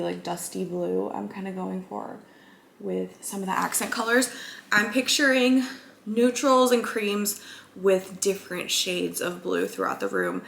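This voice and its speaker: A woman's voice: mid-range voice, gravelly, a little hiss or hum. Bubbly young woman vlogging at home. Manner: bubbly, gushing, lots of "like" fillers. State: out of breath at times. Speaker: lifestyle vlogger. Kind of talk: casual vlog chat. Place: home, indoors. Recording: echoey home room.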